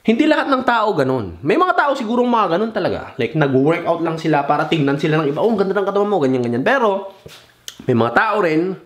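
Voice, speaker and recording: A young man vlogs casual advice in a little-high, very animated voice, speaking a little fast. He mixes Tagalog and English, swears freely, mimics other people, and rambles loosely until he loses his train of thought.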